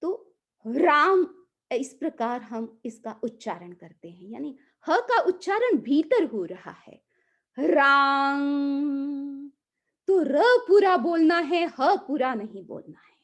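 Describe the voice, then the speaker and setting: Slow, high-voiced woman teaching chants. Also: muffled recording. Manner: slow, calm instructing, long drawn-out chanted syllables. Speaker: mantra chanting trainer. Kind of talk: guided mantra pronunciation lesson.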